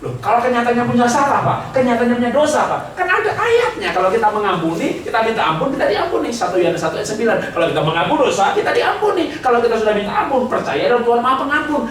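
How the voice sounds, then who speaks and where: A man's voice: very high-pitched, sing-song, racing, few pauses, a bit bright. A man preaching a sermon at a church retreat, humorous and teasing, laughing often with the congregation. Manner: acts out people's prayers in mocking voices. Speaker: pastor. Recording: echoey hall, mic at a distance, background noise.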